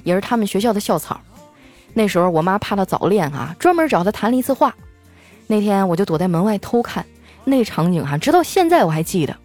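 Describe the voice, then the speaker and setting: A woman full of delivers a scripted comic monologue. She tells her stories in an animated way. Faint music plays underneath her voice. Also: mid-range voice. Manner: animated storytelling, acting out quoted lines in raised voices. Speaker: comedy radio host.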